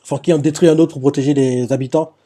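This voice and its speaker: A man's voice: on the high side, steady tone, quick pace, warm tone. A man recapping anime scenes live, retelling the action with lots of fillers and restarts. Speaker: anime reaction host.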